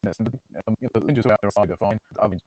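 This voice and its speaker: Man in a remote meeting, audio garbled and breaking up, hesitant delivery, dry and somewhat low. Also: a little mellow, dry recording, highs cut off. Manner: halting, restarts with repeated fillers. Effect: garbled, breaking-up online call audio. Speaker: meeting participant. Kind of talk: remote technical meeting discussion.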